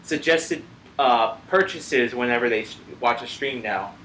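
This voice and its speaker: A man's voice: mid-range voice, unhurried, bright, forceful tone, echoey room, slight background noise, poor audio. A man co-hosting a casual gaming podcast, speculating aloud with frequent restarts and slips of the tongue. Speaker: podcast co-host.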